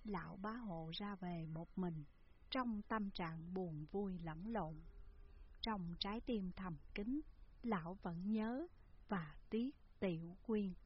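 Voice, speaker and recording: A woman narrating a dramatic folk tale in an expressive, dramatic way. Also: medium pitch, slow, breathy edge. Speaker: storyteller. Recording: slightly muffled with faint hiss.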